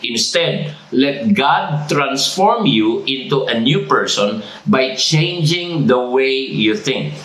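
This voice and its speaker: Male pastor, Cebuano accent, unhurried preaching, mid-pitched voice, echoey church hall. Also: lively intonation, fairly bright tone. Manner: deliberate, repeats each point in two languages; prompts the congregation to repeat phrases. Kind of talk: sermon. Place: church sanctuary.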